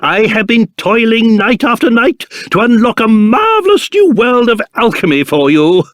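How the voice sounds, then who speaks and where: A man's voice: very high-pitched, big pitch swings, moderate pace, a bit bright, dry recording, clean studio sound, exaggerated voice. An actor playing a fussy, self-important, fatherly old king in a video game, with a British accent and pompous, old-fashioned formal speech. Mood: boastful. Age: older. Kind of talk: video game character voice acting.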